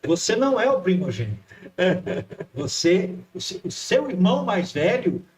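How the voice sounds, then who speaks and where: A man's voice: high-pitched, very animated, normal speed, reverberant, a crowd in the background. A man with a Brazilian Portuguese accent who breaks into the chat to make a correction, speaking emphatically. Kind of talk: casual chat.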